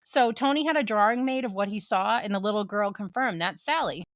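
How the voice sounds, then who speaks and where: A woman's voice: mid-range voice, a little fast, no echo. A woman co-hosting a podcast, telling a true ghost story in casual chat, laughing often and voicing the people she quotes. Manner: laughing, retells with voiced quotes. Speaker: podcast co-host.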